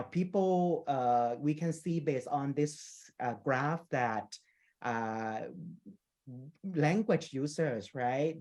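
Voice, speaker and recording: With a medium-pitched, dark voice, a speaker from Thailand talks at a conference about training teachers. The explanations are patient, peppered with "you know," and frequent "okay?" and "right?" check-ins with listeners.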